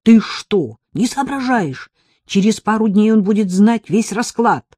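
A woman's voice: medium pitch, big pitch swings, measured pace, dry recording, clean studio sound, pitched above the performer's own voice. A woman reading an audiobook, voicing a brash, worried young woman friend who talks sharply and pushes hard. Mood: pushy. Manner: sharp, pushy, sarcastic.

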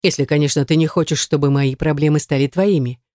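A woman's voice: sits low, steady tone, fast talker, mellow, no echo, clean studio sound, lightly acted. A woman voicing a cold, menacing young man, an ex-boyfriend who speaks with icy contempt.

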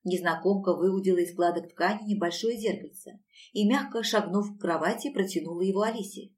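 A woman reading an audiobook in an even storytelling voice. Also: lowish voice, fairly quick. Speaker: audiobook narrator. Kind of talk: scripted narration.

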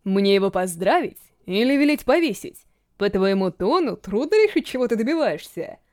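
A woman voicing a weary male king who speaks in a measured, dry way in an audiobook reading. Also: mid-range voice, big pitch swings, darkish tone, natural voice.

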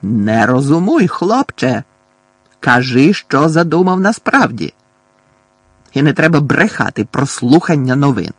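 A gruff, hoarse uncle voiced by a male audiobook narrator who badgers and bullies. His voice is rough and husky, dry and close, with a loud, hectoring push. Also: medium pitch, big pitch swings, unhurried, no echo. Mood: angry. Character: blustering, furious middle-aged uncle.

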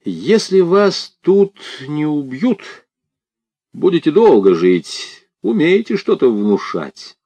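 A man voicing a measured, sententious grown man. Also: fairly high pitch, big pitch swings, dark tone, husky, no room sound, voice pushed up, full character voice. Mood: wry. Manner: measured, admonishing.

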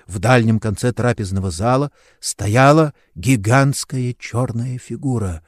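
Male audiobook narrator, mid pitch, steady, dry studio. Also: unhurried, no echo. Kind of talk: scripted narration.

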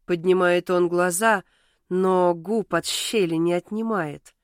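A woman's voice: fairly low pitch, steady tone, slow, no echo, studio quality. A woman narrating an audiobook in the first person, with intimate, emotional storytelling.

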